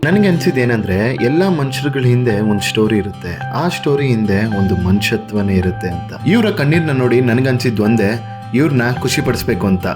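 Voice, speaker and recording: A young Kannada-accented man talks casually through a helping vlog, his tone coaxing and comforting. His pitch sits in the middle of the range for a man, and music plays clearly under him throughout. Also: expressive, quick pace. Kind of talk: casual vlog narration and chat.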